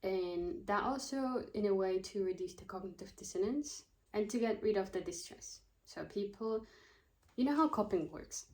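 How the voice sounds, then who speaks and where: A woman in her twenties, a student vlogger whose first language isn't Russian, rambles casually and thinks aloud, often losing her train of thought. Her medium-pitched voice is a little mellow, with lively intonation and a normal speed.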